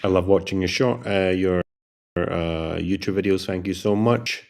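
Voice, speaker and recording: A man with a very low voice closes out a long livestream as a career coach. He sounds tired and yawns between thoughts, talking in a loose, rambling way and repeating his requests to like and subscribe. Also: measured pace, gravelly. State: tired, yawning. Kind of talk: casual livestream chat.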